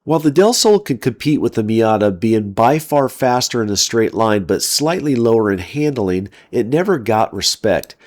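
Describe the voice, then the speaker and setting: A man's voice: mid-range voice, sing-song, normal speed, hardly any pauses, a little mellow. A middle-aged American man giving a scripted, enthusiastic and opinionated narration as a car channel host. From United States.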